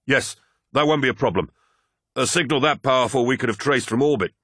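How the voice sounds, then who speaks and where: Excitable flight officer voiced by a man: raised pitch, hurried and keen. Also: husky, no echo, clean studio sound. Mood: urgent. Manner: quick, eager explanations, slightly flustered.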